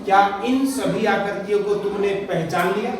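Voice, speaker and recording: A man's voice: high-pitched, fairly even intonation, normal speed. Male teacher quizzing pupils in an echoey classroom. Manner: call-and-response questioning, repeating answers. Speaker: primary school teacher. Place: school classroom. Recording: very echoey classroom, far from mic, noisy.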